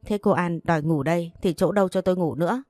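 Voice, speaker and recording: A woman's voice: fairly low pitch, fast, darkish tone, dry recording, studio quality, faint music behind, close to an everyday voice. A woman voicing a stubborn young wife in an audio story, blunt and defiant. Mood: exasperated. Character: stubborn young wife who won't be bullied.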